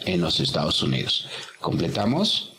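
Man, teacher, patient walkthrough, lively rising and falling pitch, faint background noise. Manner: patient, explains each answer, repeats words slowly. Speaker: English teacher. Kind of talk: step-by-step exercise walkthrough.

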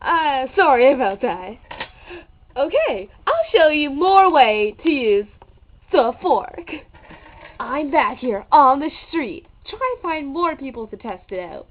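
A gushing hard-sell infomercial host, played by a woman, over-eager and easily flustered. She takes her time over her stammering sales patter in a very high voice. The sound is dull, lo-fi home video. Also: very animated, slow pace, full character voice. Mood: chirpy pitch.

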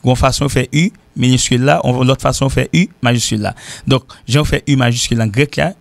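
A man from Haiti with a Haitian accent, teaching an informal language lesson and repeating example sentences slowly. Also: mid-range voice, fairly even intonation, vocal fry, dry recording. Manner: repeats example sentences slowly, switching between French and Creole. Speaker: English teacher.

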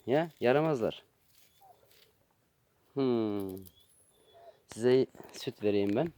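A man fusses over his animals in a doting, coaxing way, now and then scolding them playfully. His pitch swings up and down a lot as he talks, and there is a faint noise behind him. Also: lively intonation, very slow, dark tone. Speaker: vlogger with pets. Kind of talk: casual talk to his animals.

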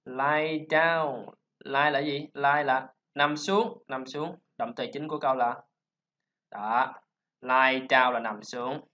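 Slow-talking man teaching. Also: mid-range voice, steady tone, bright, forceful tone. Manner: repeats and drills sounds, chatty explaining. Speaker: English pronunciation teacher. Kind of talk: screen-recorded lesson talk. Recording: dull lo-fi voice recording.

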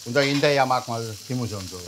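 A man's voice: mid-range voice, fast talker, background noise. Man, short answers. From Sri Lanka. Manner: short answers in simple, broken phrasing, often agreeing. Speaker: chef, sauce cook. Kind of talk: casual cooking chat. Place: large professional kitchen indoors. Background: background music and sizzling pan.

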